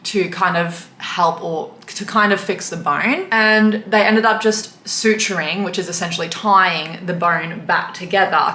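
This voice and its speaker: A woman's voice: fairly low pitch, measured pace, few pauses, pushed and bright. A young Australian woman chatting candidly while doing her makeup, getting emotional at times. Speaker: beauty vlogger. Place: indoor room with a mirror. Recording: echoey room.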